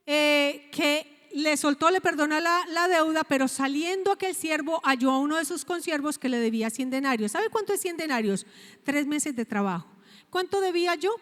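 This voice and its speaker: A woman pastor with a Colombian Spanish accent delivers a sermon in a high voice. She keeps asking her listeners questions and answers them herself. Her words ring out with a long reverb from the church hall. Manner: preaching with rhetorical questions to the congregation.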